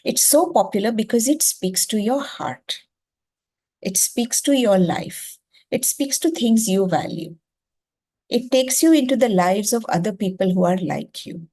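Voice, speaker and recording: Her voice is highish, mellow, and lively in intonation, and she speaks unhurriedly with an Indian accent; she's from India and Gujarati is her first language. Leading a reading masterclass, she explains, stresses points by repeating phrases, and checks in with quick questions.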